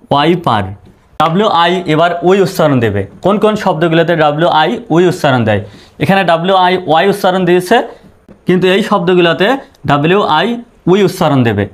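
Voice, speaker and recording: Male teacher with a fairly high voice, talking through spellings step by step. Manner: spells words letter by letter, asks and answers his own questions. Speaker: English reading teacher.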